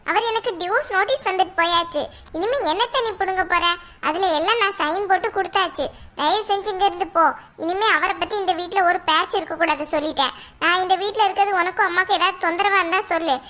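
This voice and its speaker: A woman's voice: very high-pitched, quick pace, bright, forceful tone. A woman voicing a heartbroken, stubborn young cartoon wife who pleads to be left alone. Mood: bitter. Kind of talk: cartoon voice acting.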